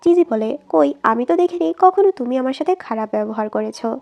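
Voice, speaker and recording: A woman narrating a drama plot in a steady storytelling read, quoting each line of dialogue. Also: high-pitched, a little fast, vocal fry.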